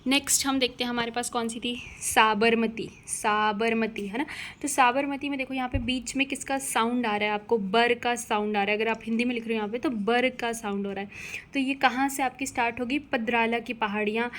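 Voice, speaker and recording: A woman's voice: on the high side, fairly even intonation, brisk, a bit bright. A woman teacher explaining memory tricks in an exam-prep lesson, patiently repeating key words.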